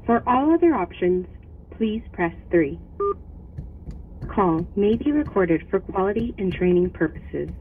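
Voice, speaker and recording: A woman's recorded phone menu voice reading options in an even, measured, scripted way, played through a phone. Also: mid-range voice. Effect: automated phone menu recording. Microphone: played through a phone speaker. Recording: tinny phone line with faint noise.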